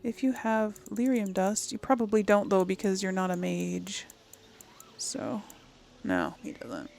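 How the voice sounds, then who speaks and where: A woman with a medium-pitched, gravelly, darkish voice speaks expressively at a measured pace. Hosting a gaming video, she offers casual commentary, thinks aloud, murmurs to herself, and reads the item text out.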